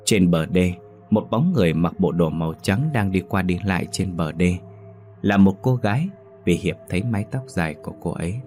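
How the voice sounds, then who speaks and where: A man with a very low, deep voice reads a ghost story aloud in a steady storytelling manner. Faint music plays behind him. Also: fairly quick. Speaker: story narrator. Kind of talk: scripted ghost story narration.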